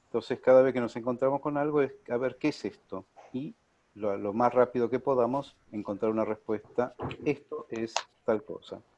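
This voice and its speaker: A man's voice: mid-range voice, moderate pace, a little mellow, muffled recording, slight background noise. Reflective Argentine man lecturing. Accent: Argentine Spanish. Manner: reflective, peppered with rhetorical "¿no?" asides. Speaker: panelist at an online lecture. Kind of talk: academic lecture. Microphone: video call.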